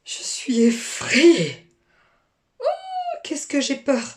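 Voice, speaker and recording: A woman voicing a little fish that tells its feelings, in whispered role-play, slow, soft and drawn out. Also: fairly high pitch, expressive, exaggerated voice. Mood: hushed.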